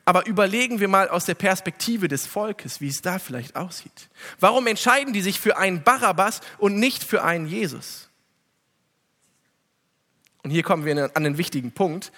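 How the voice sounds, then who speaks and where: A man's voice: sits high, pushed and bright, long reverb tail. A man preaching a sermon, reading scripture and then explaining it with rhetorical questions, speaking earnestly and directly to his listeners.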